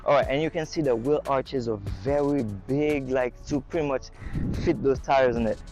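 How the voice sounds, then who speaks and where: A man giving an excited, casual car walkaround review outdoors at a dealership, a little out of breath in the heat. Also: mid-range voice, normal speed, over music. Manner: excited, enthusiastic hype talk.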